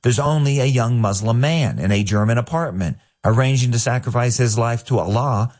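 A man hosting a daily radio commentary, measured and pointed, with rhetorical questions. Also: medium pitch, darkish tone.

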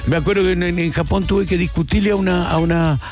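Talking fast in a high, steady, slightly mellow voice, a Chilean man in his forties recounts his life as a musician during a relaxed interview. He is reflective and meandering, restarting frequently, with his Chilean Spanish accent over soft background music.

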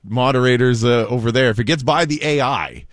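Speaking fairly quickly at a medium pitch, a man is recorded in a clean studio with no room sound. As a co-host on a talk show, he recounts odd news stories casually, cracking jokes like a chatty storyteller.

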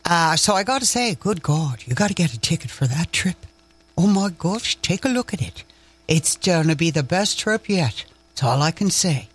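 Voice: mid-range voice, lively intonation, normal speed, slightly rough. A radio host from Nova Scotia with a Maritime Canadian accent, chatting casually and effusively in a folksy way, live on air.

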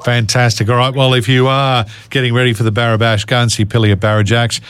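A man's voice: medium pitch, little pitch movement, fast, a bit bright, clean tone, no room sound. Man, Australian accent, radio host, casual interviewing, dry studio sound.

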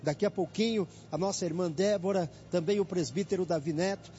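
A man's voice: high voice, brisk, dark tone. A Brazilian man hosting an evangelical radio broadcast, fervently inviting listeners to come to church. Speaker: radio host. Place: church headquarters, live broadcast. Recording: dull lo-fi radio broadcast with faint noise.

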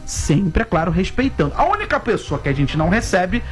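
Male radio host, high voice, loud music bed under his playful studio banter. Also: very animated, brisk. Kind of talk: casual studio chat.

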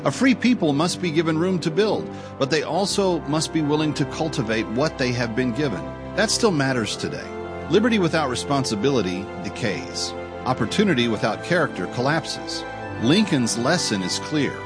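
Man, scripted narration, lively emphatic pitch, solemn, music underneath. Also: normal speed. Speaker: segment narrator. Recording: music bed behind.

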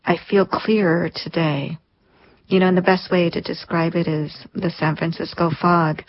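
A woman's voice: fairly low pitch, level tone, normal speed. A woman in her thirties, an interview guest, telling a personal story in an earnest, reflective way. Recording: lo-fi dull sound.

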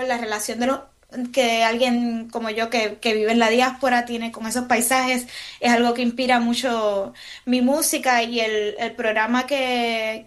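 A woman from Puerto Rico, speaking with a Puerto Rican Spanish accent and a fairly high pitch, is a guest composer on a radio interview. She comes across as thoughtful, using many fillers and restarting often.

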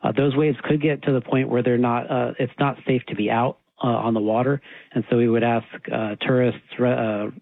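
A man from a hurricane center walks listeners through a storm warning in a steady, slightly halting way, with frequent fillers. His voice is thin and phone-like, as if taped off the radio. The sound is dry and close, and his pitch sits in the middle. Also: vocal fry, no echo. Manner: measured briefing with frequent "uh" fillers. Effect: narrow phone-like sound, as if taped off the radio. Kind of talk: soundbite in a radio news report. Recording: tinny phone-line radio clip, dry.

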